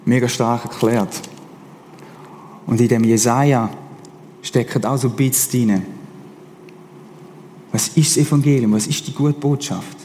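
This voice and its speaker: A man with a Swiss German accent preaching a casual, animated sermon as pastor. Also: medium pitch, slight background noise. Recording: long hall reverb.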